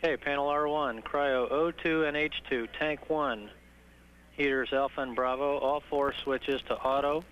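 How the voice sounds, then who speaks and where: A man working as a mission control communicator, giving measured, halting procedural instructions over the radio. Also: medium pitch, steady tone. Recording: dull, noisy archival space-to-ground radio recording.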